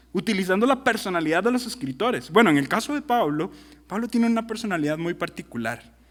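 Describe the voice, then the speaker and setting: A pastor with a Costa Rican accent preaching a sermon, animated and full of rhetorical questions to his listeners. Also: high voice. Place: church hall. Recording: long hall reverb.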